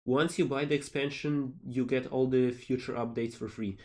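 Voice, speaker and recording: A man's voice: medium pitch, fairly even intonation, moderate pace, darkish tone. Male game developer, casual livestream Q&A delivery, reading questions and replying. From Slovenia.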